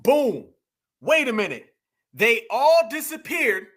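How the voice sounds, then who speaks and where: A man's voice: very high voice, big pitch swings, slow pace, a bit bright. A man delivering emphatic political commentary, preaching to his viewers and calling them family. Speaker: commentary vlogger.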